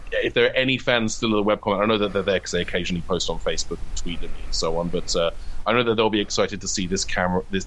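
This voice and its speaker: This man, a comedy writer and audio drama creator, is being interviewed about his own creative work, chatting casually and wryly and drifting into asides. His voice is lowish with a fairly bright tone, and the audio is poor. He came from abroad, immigrating in 2007.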